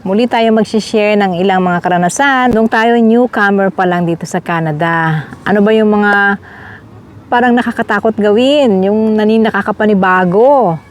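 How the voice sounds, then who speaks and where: A woman's voice: medium pitch, moderate pace, slight background noise. A middle-aged woman from the Philippines talking casually to her viewers while walking through a park. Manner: chatty, addresses viewers as guys. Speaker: vlogger. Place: outdoors in a park.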